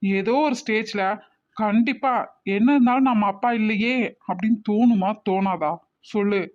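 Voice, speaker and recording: A woman's voice: mid-range voice, moderate pace, lightly acted. Woman doing a bossy scolding family woman. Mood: pleading. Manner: scolding and emphatic, with many rhetorical questions. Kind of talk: cartoon family drama voice acting. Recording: slightly muffled recording.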